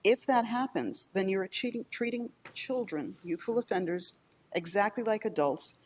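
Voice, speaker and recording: A woman lawyer delivering a formal oral argument in a measured, deliberate manner in a courtroom. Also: mid-range voice, a little mellow, slightly rough. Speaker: appellate lawyer. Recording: faint background noise.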